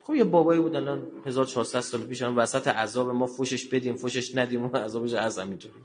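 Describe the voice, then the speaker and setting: A man giving a religious lecture in a colloquial way, telling stories and acting out the dialogue, with sudden low, quiet asides. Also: a little hiss or hum. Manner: colloquial, acts out dialogue in quotes.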